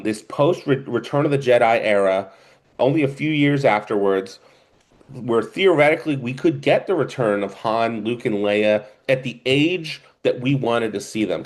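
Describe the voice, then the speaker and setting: A man's voice: medium pitch, expressive, moderate pace. A man with a New Jersey accent co-hosting a casual film review podcast, rambling in a stop-and-start way. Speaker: podcast co-host.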